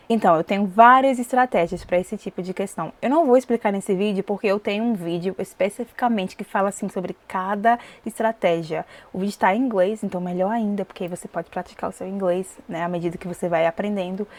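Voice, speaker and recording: A woman with a Brazilian accent, an English test prep teacher talking in a casual, expressive way with frequent fillers. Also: mid-range voice. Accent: Brazilian Portuguese. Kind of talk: casual explanatory vlog.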